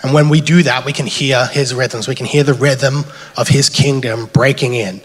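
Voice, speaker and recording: A man's voice: mid-range voice, fairly even intonation, moderate pace, slightly rough. A man giving a loose, conversational sermon in a church hall and leading a closing prayer, often tagging his points with "right?". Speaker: preacher. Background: keyboard music playing behind.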